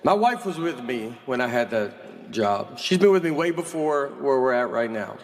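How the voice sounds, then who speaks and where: A man in his forties from the American South, doing a stand-up routine in a deadpan, slow, bemused storytelling manner. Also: medium pitch. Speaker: stand-up comedian. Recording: live theater with audience laughter.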